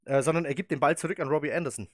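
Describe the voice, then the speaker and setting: On his casual football podcast, a German man in his thirties talks very fast in a fairly high voice, chatty, opinionated and laughing easily. The studio-quality recording has no echo.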